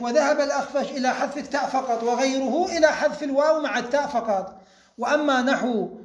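A man with a very high voice gives a grammar lesson, working through the rules step by step. He repeats key points and slows down to draw out each example. The room around him rings with echo. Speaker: teacher.

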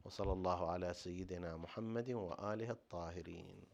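A man's voice: sits low, steady tone, brisk, gravelly, muffled recording, a loud crowd. A man teaching a lecture on religious law. He explains step by step and asks himself rhetorical questions. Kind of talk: jurisprudence lecture.

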